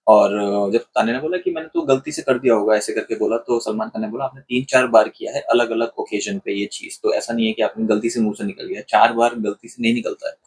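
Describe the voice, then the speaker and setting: Husky man retelling a show, animated. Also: lowish voice, quick pace, few pauses. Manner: animated retelling, acts out quoted lines. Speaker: online show reviewer. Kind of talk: casual commentary.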